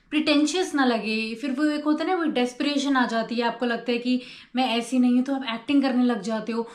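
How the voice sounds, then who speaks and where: A young woman gives a casual motivational talk to her channel's viewers. She explains her points through simple everyday examples. Her voice sits a little high and bounces around an echoey room. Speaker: YouTube host.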